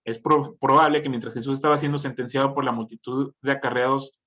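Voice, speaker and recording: A man's voice: medium pitch, little pitch movement, fast, a bit bright. A man giving an informal Bible reflection, talking conversationally, dropping questioning asides and correcting himself as he goes. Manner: conversational, tags points with questioning asides, frequent self-corrections. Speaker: Bible teacher.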